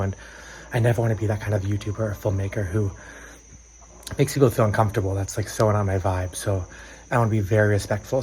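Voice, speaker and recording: A man's voice: on the low side, a little mellow, slight background noise, low-quality recording. A man giving a chatty, upbeat walking tour in the woods, filmed on a phone he holds as he goes. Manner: chatty, upbeat, lots of "like" fillers. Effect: filmed on a handheld phone. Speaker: travel vlogger. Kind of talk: casual vlog walk-through. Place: outdoors in woods. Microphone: phone held while walking.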